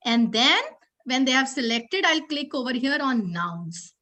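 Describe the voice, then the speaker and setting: A woman's voice: high-pitched, animated, unhurried, sharp tone. A woman with an Indian accent presenting a teacher-training session over a video call, explaining patiently step by step and checking in often. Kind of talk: online teaching demo.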